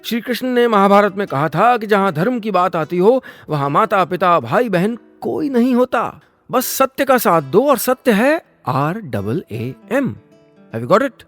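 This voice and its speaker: A man's voice: very animated, measured pace, fairly bright tone, faint music behind, exaggerated voice. A man voicing a pompous male job interviewer who lectures and mocks, slipping into English phrases. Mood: preachy. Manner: lecturing, mixes English phrases, swings pitch for effect.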